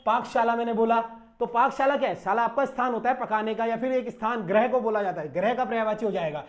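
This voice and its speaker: A man runs an exam coaching lesson on grammar in a relaxed, talky way. He keeps asking his students questions and answers them himself, and he stretches syllables slowly as he splits up words. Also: very high voice. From Uttarakhand, India. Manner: conversational, repeats questions, says "bhai", stretches out syllables. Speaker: teacher.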